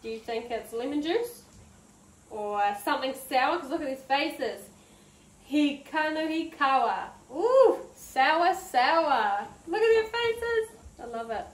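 Here a preschool teacher from New Zealand, high-pitched and female, takes her time with an engaging story session for little kids indoors. Encouraging and animated, she uses a musical teacher voice with stretched-out words. The mic is placed at a distance, giving a roomy sound with background noise.

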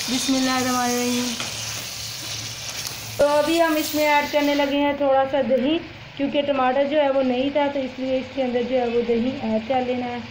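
A young woman, recorded on a phone outdoors at home, casually walks through a home recipe step by step like a cooking vlogger, often adding religious blessings. Her voice is high, and there's background noise.

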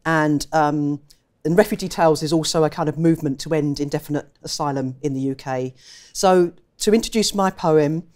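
A woman's voice: deep voice, moderate pace, a little mellow. A woman with an English accent, a poet talking thoughtfully in an interview and often correcting herself as she goes. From England. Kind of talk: conversational interview.

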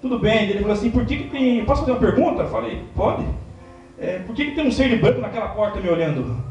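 A man preaching a fervent Pentecostal sermon in Brazilian Portuguese, swinging between loud cries and hushed asides and breaking into tongues. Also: high voice, lively intonation, fast, highs cut off. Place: church preaching hall. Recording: very echoey hall, distant mic, music behind.

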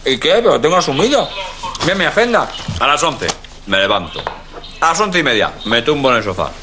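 A man's voice: medium pitch, sing-song, fairly quick, background noise, close to an everyday voice. A middle-aged actor playing a lazy, teasing husband who mocks his wife in a sitcom. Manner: teasing, smug, mocking. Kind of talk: sitcom acting.

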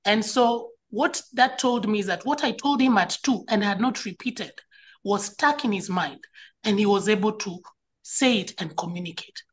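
A woman's voice: medium pitch, moderate pace, slightly rough. Earnest woman. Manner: earnest, personal, repeats words when stressing a point. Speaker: school educator and parent speaker. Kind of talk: panel talk on child safety.

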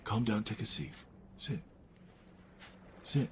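An actor playing a cold, ruthless police boss who gives menacing, matter-of-fact orders. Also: male voice, lowish voice, animated, takes it slowly. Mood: commanding. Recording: noisy film soundtrack.

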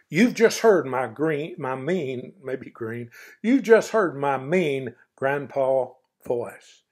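A man's voice: mid-range voice, very animated, very slow, darkish tone. An older man giving a folksy morning devotional, exhorting listeners like an old coach with stern emphasis. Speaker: devotional preacher.

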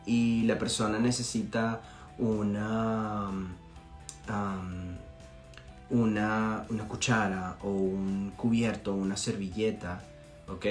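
Venezuelan man teaching a chatty live lesson. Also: fairly low pitch. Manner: chatty and encouraging, often checks in with "ok?"; repeats phrases slowly for practice. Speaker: English teacher. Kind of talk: live-streamed language lesson.

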